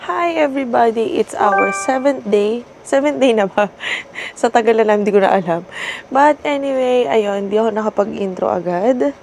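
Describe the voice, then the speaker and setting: A young adult woman with a Filipino accent, chatting casually to her phone on a travel vlog, laughing often and filling pauses. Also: a little high, darkish tone, soft background music. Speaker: vlogger. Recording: noisy street and shop ambience.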